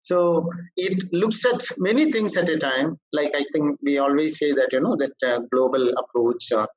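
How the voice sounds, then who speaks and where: A male corporate trainer lecturing a workshop group, explaining in a halting way with frequent restarts. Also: fairly high pitch, highs cut off.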